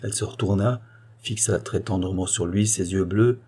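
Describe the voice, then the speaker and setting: Husky, low-voiced male narrator. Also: moderate pace, dark tone. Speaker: audiobook narrator. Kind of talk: scripted narration.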